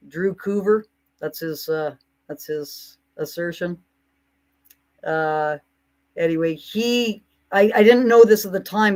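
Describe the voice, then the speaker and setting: A woman talking casually to her audience in an indignant, rambling monologue, often breaking into mocking asides. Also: low-pitched. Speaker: commentator.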